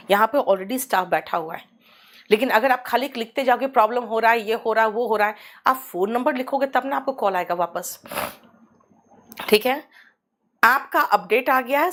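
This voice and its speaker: A woman with a Hindi accent teaching an online English class from a small studio, explaining patiently and saying the English examples slowly. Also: fairly high pitch, a bit bright. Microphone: studio microphone.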